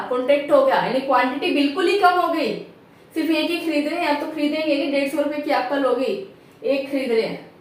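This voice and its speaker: High-voiced woman teaching in an echoey room. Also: recorded from a distance. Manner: explains step by step, keeps checking with "ठीक है" and rhetorical questions. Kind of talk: classroom lecture.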